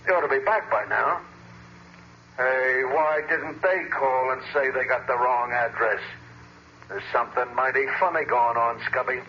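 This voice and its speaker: Gruff radio police sergeant, muffled. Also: male voice, medium pitch, steady tone, unhurried, bright, forceful tone. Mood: suspicious. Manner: blunt, informal. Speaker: actor in a radio detective drama. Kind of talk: old-time radio mystery acting. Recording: muffled, noisy vintage radio recording.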